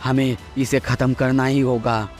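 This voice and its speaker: A man voicing a stern, resolute angelic spirit in an anime recap, speaking gravely and deliberately. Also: medium pitch, little pitch movement, darkish tone, soft background music, close to an everyday voice.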